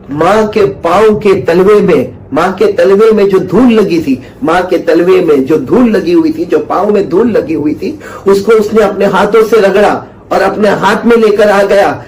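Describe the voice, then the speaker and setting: An Islamic preacher delivers an earnest religious talk, repeating phrases for emphasis, telling a story, and slowly chanting Quranic verse. His voice sits high with a darkish tone, and there is a little hiss or hum in the recording.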